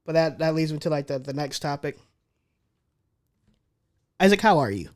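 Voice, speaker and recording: Young male podcast co-host, slightly high voice, animated storyteller. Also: normal speed. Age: young adult. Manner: animated storyteller, acts out quotes. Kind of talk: casual storytelling chat.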